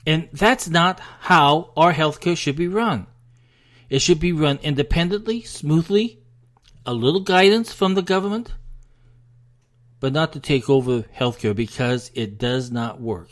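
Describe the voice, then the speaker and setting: A man's voice: fairly high pitch, unhurried, fairly bright tone. An American man hosting a solo political commentary, ranting in an emphatic, frustrated way and sounding out of breath. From United States.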